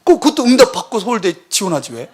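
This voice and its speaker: A man in his forties, a missionary preaching a lively sermon in a church, telling stories and acting out the voices in them. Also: high voice, fast talker, breathy edge. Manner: animated storytelling, acting out quoted voices.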